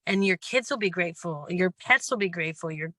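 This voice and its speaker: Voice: medium pitch, a little fast, bright, forceful tone, dry recording. A workshop leader and life coach who is losing their voice, talking through a gratitude lesson in a rambling, earnest, encouraging way. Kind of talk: casual spoken workshop lesson.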